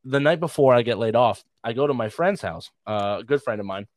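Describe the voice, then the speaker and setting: A man's voice: medium pitch, expressive, a little fast, dry recording. A man, a comedian, chatting casually on a podcast with a mid-range voice. He rambles through self-deprecating stories and laughs at his own punchlines. The sound is dry and close. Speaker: comedian guest.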